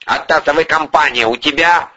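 A man voicing a hot-tempered, domineering male oligarch who yells and swears threats. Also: on the high side, normal speed, pitched above the performer's own voice. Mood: menacing. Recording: dull lo-fi recording.

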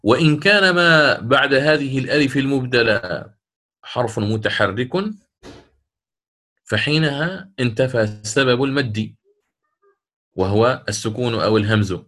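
A man teaching Quran recitation in a recorded lesson. He explains each rule step by step and chants short verse examples slowly. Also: mid-range voice, a bit bright.

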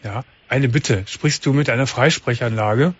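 A man's voice: medium pitch, moderate pace, breathy edge. A man hosting a late-night radio call-in show, talking with a caller in a probing way. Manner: probing, interrupting with questions. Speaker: radio talk show host. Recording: slightly dull broadcast sound.

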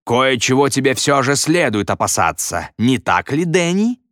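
A man's voice: medium pitch, very animated, normal speed, a bit bright, dry recording, clean studio sound, pitched above the performer's own voice. A man voicing a vain, boastful male stage magician who gloats and sneers theatrically. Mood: gloating.

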